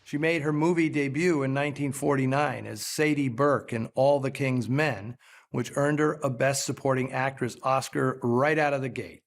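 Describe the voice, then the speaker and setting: Male film host, mid-pitched voice, scripted commentary, measured and articulate storytelling. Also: steady tone.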